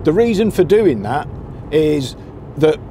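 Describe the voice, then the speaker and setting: A man in a moving car chats casually, giving practical directions to anglers as a boat skipper's guide. His mellow voice sits on the high side, swings widely in pitch and moves slowly, with car and road noise behind.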